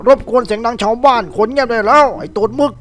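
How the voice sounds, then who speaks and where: A man voicing a loud, careless young male gamer who talks brashly and excitably. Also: extremely high pitch, fast. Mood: excited. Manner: brash, excitable, shouty exclamations.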